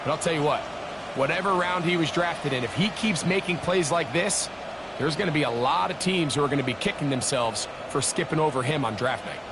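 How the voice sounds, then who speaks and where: A man's voice: a little high, a little fast, noisy background, lightly acted. A man giving conversational, emphatic analysis as a football color commentator.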